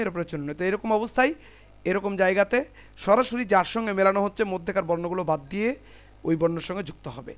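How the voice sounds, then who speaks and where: A man teaching Quran recitation in an online class, explaining the rules step by step and patiently correcting his students. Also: high-pitched.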